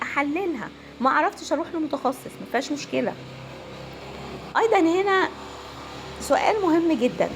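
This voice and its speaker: A woman family counselor with an Egyptian Arabic accent, giving a casual, animated talk to viewers. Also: high voice, background noise. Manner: animated, conversational, acts out quoted voices.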